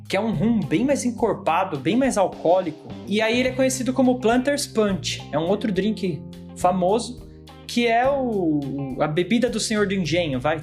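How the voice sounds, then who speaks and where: A woman's voice: medium pitch, a little mellow. A woman co-hosting a casual drinks podcast, explaining cocktail history in an informal way. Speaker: podcast co-host.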